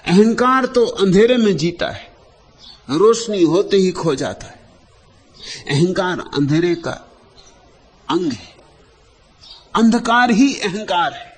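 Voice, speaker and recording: Spiritual teacher, male, unhurried and lyrical, pitch that rises and falls widely, short phrases with long pauses between them. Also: animated. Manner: lyrical, repeating phrases for emphasis. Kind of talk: spiritual discourse.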